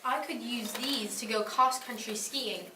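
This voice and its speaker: A woman's voice: a little high, a little slow. A woman giving brief playful improvised answers. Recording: echoey room, distant mic, noisy.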